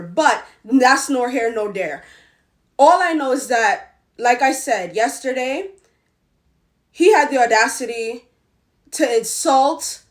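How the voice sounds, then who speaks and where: A young woman and former tutor in a vlog rant, indignant and emphatic as she lays out her complaint. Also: a little high. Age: young adult.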